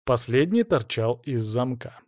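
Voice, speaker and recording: A man narrating a fantasy novel in the first person with brisk, vivid delivery. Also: medium pitch, lively intonation, a little mellow, dry recording, studio quality.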